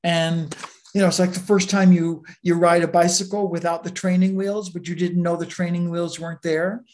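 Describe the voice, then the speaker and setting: Bible teacher, conversational sermon, relaxed, anecdotal, mid-pitched voice. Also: normal speed. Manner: relaxed, anecdotal, with many asides.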